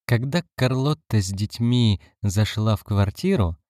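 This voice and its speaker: A man narrating an audiobook in a measured, calm reading. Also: lowish voice, no room sound, studio quality.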